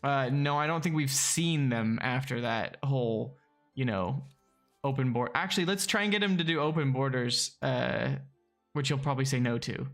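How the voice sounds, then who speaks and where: Male streamer, mid-pitched with a gravelly fry, relaxed and halting while he plays. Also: faint music behind. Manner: easygoing, chuckling, hesitant with many fillers. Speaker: game streamer playing the strategy game. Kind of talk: casual live-stream gameplay chat.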